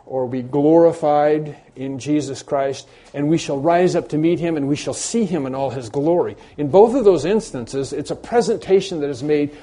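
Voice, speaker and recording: A man preaching an expository sermon, reading scripture aloud slowly and repeating key phrases for emphasis. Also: a little high, mellow.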